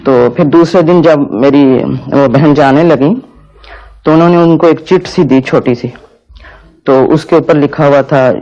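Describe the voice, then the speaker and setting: A man with a warm, mellow voice pitched a little high tells a story in an interview, walking through it step by step. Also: measured pace, lo-fi sound. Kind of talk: anecdotal interview.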